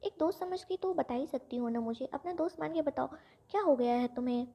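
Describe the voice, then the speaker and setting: Woman voicing a bossy short-tempered young man, pushy and scolding, high mellow voice, storybook audio drama. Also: fairly quick, gravelly. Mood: pressing. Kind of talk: storybook dialogue reading.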